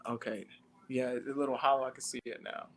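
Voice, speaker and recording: A man's voice: mid-range voice, level tone, fast talker, poor audio. A man talking casually on a video call, his voice hollow as if inside a fishbowl from a bad connection. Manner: emphatic, advice-giving. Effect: hollow fishbowl-like sound from a bad connection. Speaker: guest.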